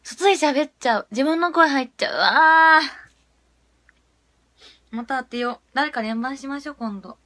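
A young woman chatting casually on a livestream, giggly, swinging between murmured asides and excited squeals. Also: high-pitched, brisk, hardly any pauses, no echo. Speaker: idol livestreamer.

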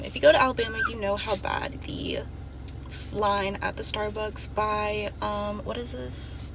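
A young woman in her early twenties with a lilt, chatting upbeat into a phone held at arm's length. Her voice sits a little high, and her talk is loose and full of fillers. A faint hum of the room stays under it. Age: early 20s. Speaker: vlogger. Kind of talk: casual vlog chat. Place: home bedroom, apartment and parked car. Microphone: phone camera held at arm's length.

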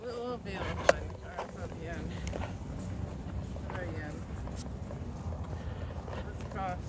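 Female walking companion, short agreeable lines, loud street noise. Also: on the low side, unhurried. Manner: brief, agreeable replies. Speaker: companion on a walk. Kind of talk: casual chat while walking. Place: outdoors by a convention center and parking lot. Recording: loud outdoor traffic noise.

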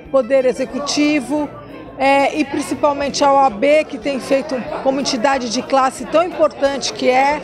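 A woman in her forties, a public official, giving an emphatic, speech-like on-camera interview into a handheld mic in an auditorium. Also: high voice. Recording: music and crowd chatter behind.

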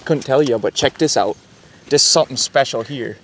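Gravelly young man, laid-back on the ice. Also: mid-range voice, normal speed, a little hiss or hum. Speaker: fishing partner. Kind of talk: casual chat. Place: outdoors on a frozen lake. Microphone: camera mic on the ice.

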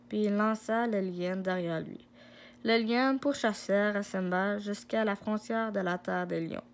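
A woman reading a children's story aloud, slow, with frequent slips and restarts. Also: mid-range voice.

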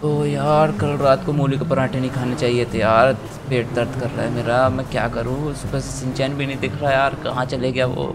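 A man's voice: medium pitch, steady tone, normal speed, few pauses, noisy background, pitched below the performer's own voice, lightly acted. A man voicing a teasing, bossy young man in comic gameplay, talking in an exasperated big-brother way. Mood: complaining.

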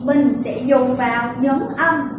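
Young woman, language teacher, high voice, unhurried, repeats words slowly, far from mic in a very echoey room. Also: fairly even intonation, noisy background. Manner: explains patiently, repeats words slowly to show pitch accent. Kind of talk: vocabulary lesson.

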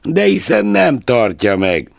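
A man's voice: on the low side, sing-song, gravelly, no room sound, clean studio sound, pitched above the performer's own voice. Man doing an earnest, cheerful young nephew. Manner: earnest, warm pleading.

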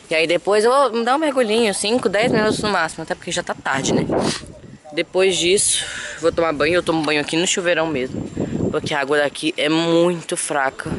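A young man with a Brazilian Portuguese accent chatting dramatically in a casual vlog, sniffling from allergies as he films outdoors by a pool at night on a handheld camera. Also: a little high. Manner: chatty and dramatic, exclaiming often. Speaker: vlogger. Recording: noisy outdoor camera audio.

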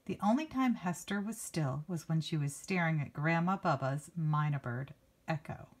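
Speaking low and at a normal speed, a woman reads a picture book aloud for children in a teacherly style. She stretches important words for effect and slips in offhand remarks, holding the book in front of a handheld camera indoors.

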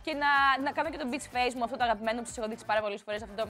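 A woman's voice: a little high, a bit bright, faint music behind. A young woman TV host in a studio, chatting playfully and teasing as she reads out viewer comments, in a slightly odd voice. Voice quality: odd put-on voice today. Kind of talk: casual chatty TV presenting.

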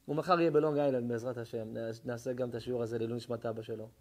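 A man who is a rabbi, giving a Torah lesson as a sermon, telling stories with feeling and swinging between hushed words and loud cries. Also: mid-range voice, fairly even intonation. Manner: emotional storytelling, swings between hushed and shouting.

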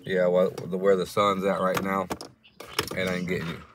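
A man chatting casually in a parked car, relaxed and rambling with lots of fillers. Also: sits low, moderate pace, background noise. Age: 30s. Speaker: vlogger. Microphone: phone camera on the dashboard.

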